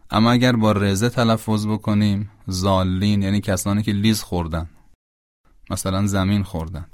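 A man teaching a spoken religious lesson, formal and measured, explaining patiently with examples. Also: fairly low pitch, no room sound, clean studio sound. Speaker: religious instructor. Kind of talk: spoken lesson on prayer pronunciation.

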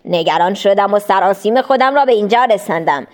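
A woman's voice: mid-range voice, lively intonation, darkish tone, natural voice. A woman voicing a scheming, mocking male devil in a storybook reading, drawn out and taunting. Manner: taunting, drawn-out, with sneering laughs.

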